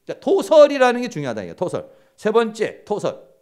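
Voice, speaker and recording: A middle-aged man giving a counseling lecture at a seminary, telling stories and acting out quoted lines in hushed voices. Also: high-pitched, wildly swooping pitch, fairly quick.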